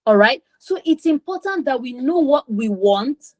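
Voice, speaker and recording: A woman's voice: high-pitched, lively intonation, a little slow, no echo. Lady coach teaching kids over a video call, keeps asking okay?, dead dry sound. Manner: repeats for emphasis, acts out kids' voices. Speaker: confidence coach for teens. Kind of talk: online class teaching.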